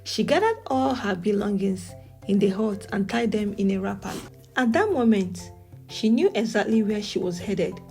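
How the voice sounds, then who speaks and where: A woman from Nigeria with a Nigerian accent, telling a folktale as a storyteller in measured, dramatic narration. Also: mid-range voice, animated, gravelly, warm tone. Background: faint music.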